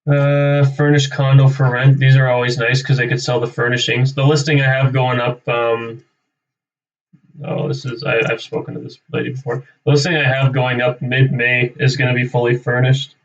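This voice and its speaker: A young Canadian realtor hosts a live cold-calling stream, chatting casually and off the cuff, rambling, thinking aloud and tagging sentences with "right?". His mid-range voice has little pitch movement and a moderate pace, captured by a distant, slightly dull microphone.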